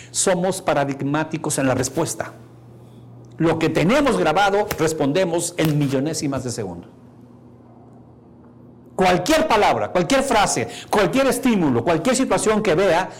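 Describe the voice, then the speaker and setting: Animated man lecturing a course. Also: a little high. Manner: animated, acts out quoted voices, asks the audience questions. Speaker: course speaker. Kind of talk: lecture to an audience.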